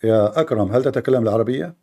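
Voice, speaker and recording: A male host runs a live debate stream, his voice dark and mellow at a middle pitch. He talks bluntly and switches between languages. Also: rapid-fire.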